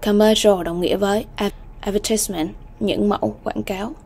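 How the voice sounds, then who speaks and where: A woman teaching an English exam-prep lesson, slowly repeating English words and often checking in with students. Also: mid-range voice, steady tone, creaky, a little mellow, slight background noise.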